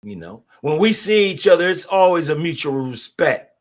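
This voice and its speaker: In a podcast monologue, a middle-aged male host talks bluntly at a moderate pace, full of street slang and strong opinions. His voice sits a little high for a man and swings widely in pitch.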